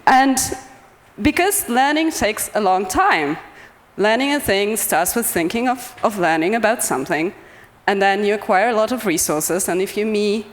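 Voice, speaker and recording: Speaking into a microphone at a conference, a young Polish woman with a Polish accent sounds cheerful and self-deprecating, laughing often. Her medium-pitched voice is animated and moves at a moderate pace, carrying a long reverb from the hall.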